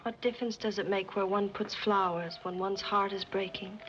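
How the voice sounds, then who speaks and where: An actress as a mopey, melodramatic young heiress. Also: female voice, mid-range voice, steady tone, moderate pace, lo-fi sound, close to an everyday voice. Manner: mopey, theatrical, tragic sighing. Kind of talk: 1930s screwball film acting. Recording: old 1930s film soundtrack, music behind.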